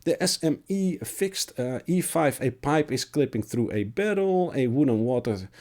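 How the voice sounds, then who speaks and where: Guy doing game patch news, mellow dark voice but sick so it cracks, trips over words a bit. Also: mid-range voice, expressive, normal speed. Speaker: gaming video creator. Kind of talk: patch notes commentary, reading aloud with remarks.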